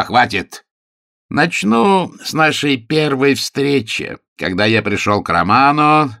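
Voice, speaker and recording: A man voicing a brash, forceful aristocrat who talks loudly and theatrically in an audiobook. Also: on the low side, no room sound, clean studio sound, pitched above the performer's own voice, full character voice. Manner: loud commanding theatrical.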